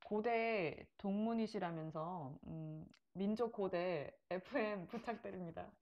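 A woman's voice: mid-range voice, measured pace, lo-fi sound. A woman in her thirties asking questions in a casual, conversational interview. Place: small living room, on a sofa indoors.

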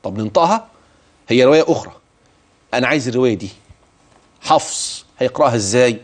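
Lively Egyptian teacher, animated pitch. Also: male voice, fast. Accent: Egyptian Arabic. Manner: lively, answers his own imagined student questions. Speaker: Quran recitation teacher. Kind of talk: tajweed lesson with recited verses.

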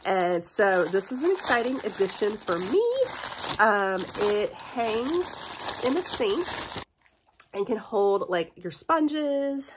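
A woman in her forties chatting excitedly through a haul review vlog, stuffy from a cold, laughing often. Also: medium pitch, a little hiss or hum. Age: 40s. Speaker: beauty and haul vlogger. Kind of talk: casual product review vlog.

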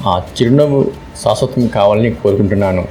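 A man's voice: on the low side, fairly quick, dark tone, a little hiss or hum, close to an everyday voice. A man reading the lines of a devoted young man in love, in a plain storytelling voice. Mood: tender.

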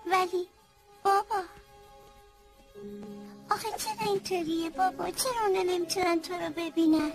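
A woman voicing an eager, earnest young boy in a dubbed cartoon, pleading and excited. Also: very high-pitched, pauses often, faint music behind. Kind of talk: cartoon dubbing.

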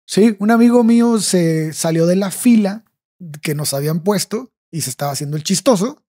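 A man's voice: sits high, animated, a little fast, dark tone. A young Mexican man telling a personal story in casual, slang-heavy chat, swearing freely and tagging his phrases with "güey".

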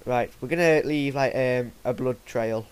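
A man's voice: mid-range voice, unhurried, clean tone. A man livestreaming a game, chatting casually and trading crude, mock-threatening banter with a friend. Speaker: livestreaming gamer. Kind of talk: casual gaming chat.

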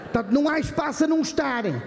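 A man's voice: very high voice, lively intonation, very fast, gravelly, a little hiss or hum. A man doing crude, profane stand-up comedy and hosting a live show. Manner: profane, loud storytelling. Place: live comedy venue with audience. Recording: reverberant live hall.

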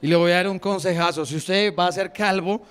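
A man in his thirties with a Bogotá Colombian accent doing an animated stand-up routine in a comedy bar, jumping into high voices for characters. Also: fairly quick, smooth. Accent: Bogotá Colombian Spanish. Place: comedy bar stage with live audience. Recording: live crowd laughter behind.

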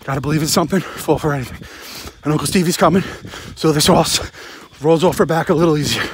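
Talking fast in a fairly high, slightly rough voice, a man in his forties delivers a sweary postgame rant about football. He's a sports vlogger walking outdoors at night, rambling to camera in short emphatic bursts into a phone held close.

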